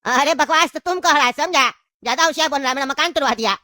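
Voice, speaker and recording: A woman voicing a sharp-tongued old man in a jail cell who scolds and needles the others. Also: high voice, quick pace, dry recording, studio quality. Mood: scolding. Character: old male cellmate, sharp-tongued uncle. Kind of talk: cartoon voice acting.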